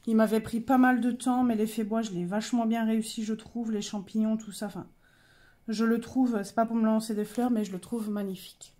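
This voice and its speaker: A woman's voice: fairly high pitch, fairly even intonation, fairly quick, warm tone. A young woman casually showing her coloring pages, chatty and hesitant, with many fillers and self-corrections. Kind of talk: casual show-and-tell.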